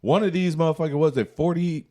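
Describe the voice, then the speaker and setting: A man co-hosting a casual true-crime podcast, animated and joking, often restarting his sentences. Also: a little high, fast talker. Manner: animated, joking, trips over words. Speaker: podcast co-host.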